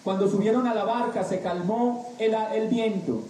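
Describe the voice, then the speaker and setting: A man preaching a sermon, slow and emphatic with dramatic pauses. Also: sits high, dark tone, distant mic, a little hiss or hum. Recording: echoey room, voice off-mic.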